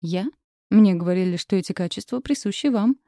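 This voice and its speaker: A sarcastic, commanding young nobleman from a romance audiobook, as a woman narrator reads his lines. The voice is dark and mellow, recorded close and dry. He talks down to the listener with cold mockery. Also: fairly low pitch, fairly quick, no echo, natural voice. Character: arrogant angry young male duke.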